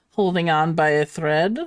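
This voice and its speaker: A giggly woman live streamer talks with her viewers while she works on a drawing. Her voice sits fairly low but swings widely in pitch. She speaks very slowly, close to a dry mic. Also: a bit bright, no echo. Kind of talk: casual live-stream chat.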